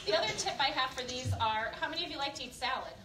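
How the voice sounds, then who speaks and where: Her voice sits high and she talks very fast while leading a group through a live kitchenware cooking demo. She's chatty and instructive and checks in often with questions. The recording, made in an indoor event room, is roomy, with a distant mic and faint noise behind her.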